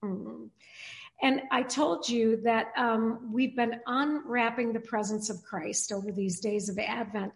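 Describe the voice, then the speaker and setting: Halting, higher-voiced woman pastor hosting. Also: steady tone, creaky. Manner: halting, many fillers and restarts. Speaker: podcast host and pastor. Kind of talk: casual interview chat.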